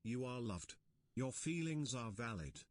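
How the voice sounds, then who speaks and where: A male text-to-speech robot voice with a flat, synthetic delivery, reading out viewer messages on a stream. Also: medium pitch, a little slow, no room sound.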